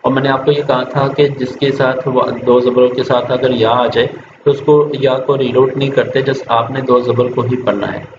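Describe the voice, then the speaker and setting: A man gives a children's reading lesson in an even, flat voice. He sounds out each syllable slowly and explains with patience. The recording is dull and lo-fi, with steady background hiss. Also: mid-range voice. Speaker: Quran teacher. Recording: echoey room, dull lo-fi sound with steady noise.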